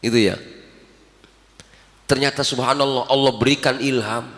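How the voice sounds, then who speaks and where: A man preaching a storytelling sermon on the Quran in a mosque, speaking animatedly with sudden loud exclamations and questions to the congregation. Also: mid-range voice, fairly even intonation, normal speed, in a large hall. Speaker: preacher teaching Quran exegesis.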